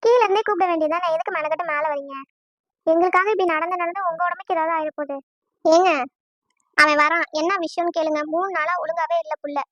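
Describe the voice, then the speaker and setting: Woman doing worried cartoon mom, fussing nonstop, high pitch, dull dry audio. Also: fairly even intonation, fast, a bit bright, no room sound. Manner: fussing, anxious. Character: worried caring middle-aged mother.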